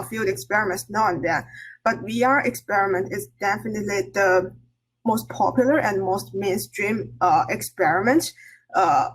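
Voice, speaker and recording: Halting, slightly husky woman presenting research. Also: medium pitch, poor audio. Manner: halting, hesitant delivery with frequent hesitations and self-corrections. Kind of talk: academic conference presentation.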